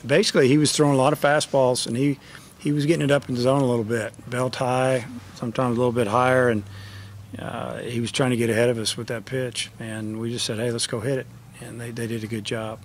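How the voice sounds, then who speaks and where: A middle-aged baseball coach talks to reporters across a press table at a post-game conference. His voice stays flat and even, and he answers plainly with plenty of "you know" and "uh". A faint hiss of room noise sits underneath. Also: mid-range voice, fast talker. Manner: plain, matter-of-fact answers with many fillers. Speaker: college baseball head coach. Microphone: table microphone.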